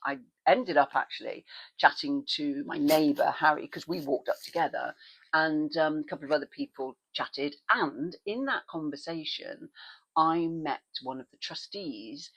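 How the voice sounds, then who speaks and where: A woman's voice: unhurried, breathy edge, rough recording. A woman vlogging in a casual chat, rambling through asides and restarts. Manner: animated, with sudden pitch leaps when excited.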